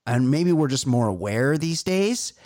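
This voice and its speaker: A Californian man co-hosts a comedy podcast, chatting casually and telling rambling, animated stories packed with fillers. His medium-pitched voice moves at a measured pace.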